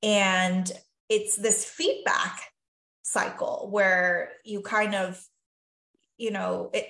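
A Taiwanese woman who works as a physician and life coach speaks as a podcast guest, earnest and thoughtful, often saying "you know" and "really." Her voice is medium-pitched and fairly bright, and the room sounds spacious in this reflective conversation.

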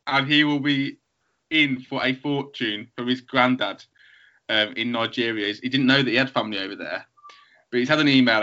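A man's voice: medium pitch, pushed and bright. A man co-hosting a podcast in casual chat, playful and laughing as he spins jokey theories. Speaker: podcast co-host. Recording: slightly muffled.

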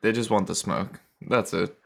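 Deep gravelly man, dry and teasing. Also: fairly even intonation, moderate pace. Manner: dry, teasing, low-key. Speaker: podcast co-host. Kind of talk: casual chat.

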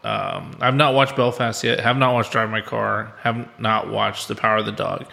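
A man with a bright, forward voice hosts a casual movie podcast. He talks in a loose, chatty way, with the sound of an empty room around him. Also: fairly low pitch, fairly even intonation, moderate pace, vocal fry. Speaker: podcast host. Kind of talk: casual film podcast chat.

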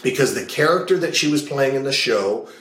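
A man's voice: medium pitch, expressive, a little fast, fairly bright tone. Man telling coaching stories in an echoey room. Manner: explains in long stories, repeats key phrases. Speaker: guest, hypnotist and values coach. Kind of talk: casual interview talk with anecdotes.

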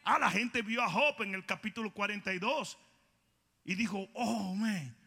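Brief: bright, gravelly-voiced male preacher, comic and loud, echoing hall. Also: high voice, moderate pace. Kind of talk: sermon. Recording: long hall reverb.

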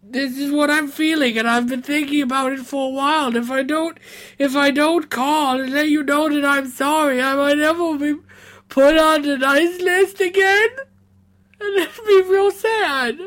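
A man's voice: high voice, unhurried, fairly bright tone. A man voicing a sad, tipsy, sweet-natured troll who rambles and stammers through apologies on a comedic phone call. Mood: apologetic.

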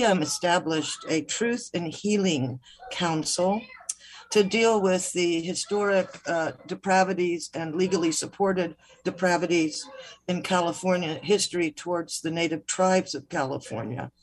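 A woman guest answering interview questions over a poor-quality video call connection, measured and often stopping to correct herself. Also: fairly low pitch. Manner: measured, with frequent fillers and self-corrections. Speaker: guest, legal counsel.

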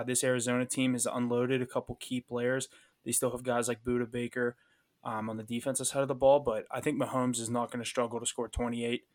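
A man's voice: medium pitch, dry recording. An easygoing man talking through his picks in a casual chat, thinking aloud as he goes. His voice sits mid-range, recorded close and dry. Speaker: podcast co-host. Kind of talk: casual sports betting chat.

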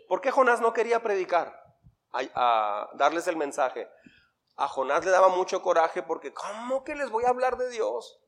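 A middle-aged man with a Mexican Spanish accent teaching the Bible as a pastor, quizzing his congregation and answering himself, loud one moment and quiet the next. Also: a little high. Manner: swings between loud emphasis and quiet asides. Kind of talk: interactive Bible teaching sermon.

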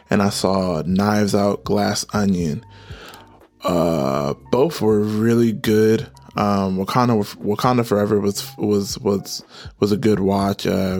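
A man's voice: on the low side, darkish tone, no room sound. A man hosting a casual solo podcast, talking in a playful, rambling, slangy way with music behind him. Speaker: podcast host.

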